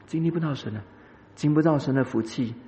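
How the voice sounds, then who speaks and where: A man giving a sermon as pastor, speaking straight to the congregation and telling a personal story with many drawn-out filler sounds. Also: medium pitch, warm tone, slight background noise. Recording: echoey hall, dull lo-fi sound.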